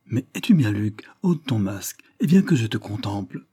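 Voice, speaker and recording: A man voicing a gruff, emotional old corsair father. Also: fairly low pitch, very animated, moderate pace, warm tone. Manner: gruff, exclamatory.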